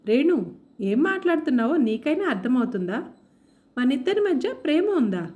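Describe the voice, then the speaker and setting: A woman voicing an angry young man who shouts bitter accusations at his former lover in a storybook tale. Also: sits high, very animated, normal speed.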